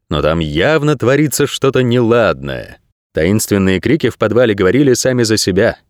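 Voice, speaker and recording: A male audiobook narrator reading with expressive storytelling. His pitch rises and falls in a lively way, at a middle height for a man. The recording is dry and close, with no room sound. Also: no echo. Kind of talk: scripted narration.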